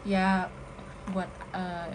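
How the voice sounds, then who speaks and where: A woman from Indonesia, interviewed about her work abroad, talking frankly in a casual chat with many pauses and fillers. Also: fairly low pitch, level tone. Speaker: interviewee, domestic worker. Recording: noisy room recording.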